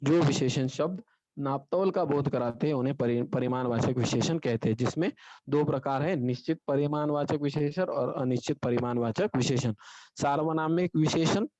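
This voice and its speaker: A man's voice: mid-range voice, normal speed, a little mellow, dry recording. A male teacher giving an online grammar lesson, explaining step by step and asking and answering his own questions. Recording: dull lo-fi online class audio.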